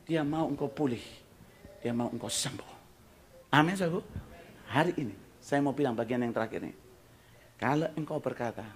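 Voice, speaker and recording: A male pastor preaching a storytelling sermon, animated, swinging from loud exclamations to hushed prayer and slipping into Javanese phrases. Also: medium pitch, slight background noise. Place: church retreat hall.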